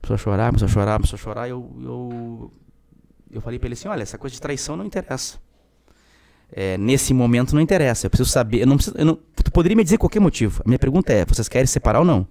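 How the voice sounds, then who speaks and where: A man's voice: mid-range voice, very fast, dry recording. Frank southern Brazilian man in his forties. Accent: southern Brazilian Portuguese. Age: 40s. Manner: animated, frank storyteller. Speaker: podcast guest, public defender. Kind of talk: casual storytelling.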